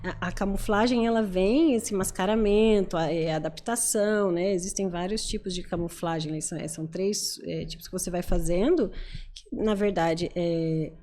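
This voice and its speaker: Woman from Rio, podcast guest doctor; mellow, talkative, self-mocking delivery. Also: on the low side, normal speed. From Rio de Janeiro, Brazil. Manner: lively, talkative, self-deprecating. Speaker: pediatrician guest. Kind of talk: podcast conversation. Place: conference podcast set.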